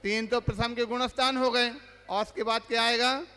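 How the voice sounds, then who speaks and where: A man's voice: extremely high pitch, flat delivery, normal speed, sharp tone. A man, a monk teaching a religious class, asks the listeners questions and then recites the lists himself. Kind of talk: quizzing religious lesson. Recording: long hall reverb.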